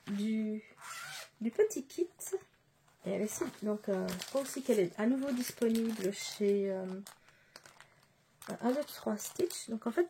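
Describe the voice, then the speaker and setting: A woman's voice: fairly high pitch, darkish tone, a little hiss or hum. A woman chatting through a casual show-and-tell vlog, hesitant and often restarting her words. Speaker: cross-stitch vlogger.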